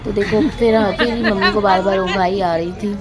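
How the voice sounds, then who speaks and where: A woman's voice: mid-range voice, steady tone, normal speed, a crowd in the background. A young woman chatting casually as she narrates her family vlog, rambling and laughing as she recounts the day. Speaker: vlogger.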